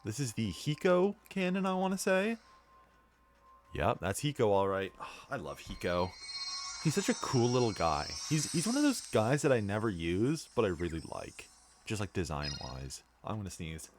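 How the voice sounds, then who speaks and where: A man's voice: fairly low pitch, sing-song, normal speed, over music. A young man rambling casually with lots of fillers while commenting on his gameplay as a let's play host. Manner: rambling, laid-back, many fillers.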